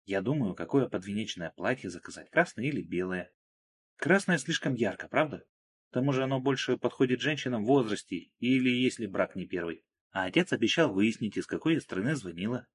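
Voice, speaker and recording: A man reading aloud, voicing a young woman in a raised, breathy voice. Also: medium pitch, lively intonation, a little fast. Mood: musing. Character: young woman, playful then frightened.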